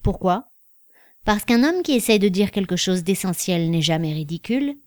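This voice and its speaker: A woman voicing a calm, perceptive old man in a storybook reading, speaking in a measured, gentle way. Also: medium pitch, no echo, studio quality, lightly acted. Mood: calm, grave.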